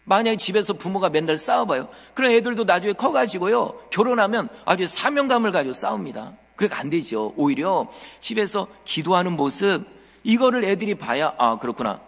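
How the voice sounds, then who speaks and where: A man's voice: high-pitched, brisk, vocal fry. A man, a pastor, preaching a sermon to his congregation in a church, telling the story with animation and addressing the listeners directly. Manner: animated storytelling, acting out quotes. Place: church sanctuary. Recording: long church hall reverb.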